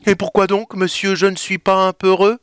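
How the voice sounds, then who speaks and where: A man's voice: mid-range voice, a little slow, bright, forceful tone, clear, resonant tone, no room sound, studio quality. A man voicing a bold, curious little girl who exclaims eagerly in a children's story reading. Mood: teasing.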